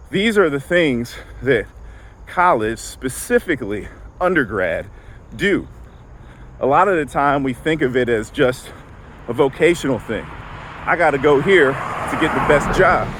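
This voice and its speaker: A man's voice: medium pitch, fairly bright tone, slight background noise. A man talking casually while walking outdoors, out of breath and sighing between phrases. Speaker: vlogger. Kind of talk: casual walk-and-talk vlog.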